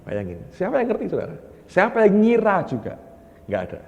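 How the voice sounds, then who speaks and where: A male pastor preaching a sermon, telling stories with lively energy and often addressing the congregation directly. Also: sits high, brisk, muffled recording. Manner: animated storytelling, often calling the congregation "brothers". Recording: long hall reverb.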